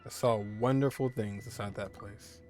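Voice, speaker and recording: A man streaming a video game, reacting with excitement and reading lines aloud again to take them in. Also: fairly low pitch, moderate pace. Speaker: gaming streamer. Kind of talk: casual gameplay commentary. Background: game music.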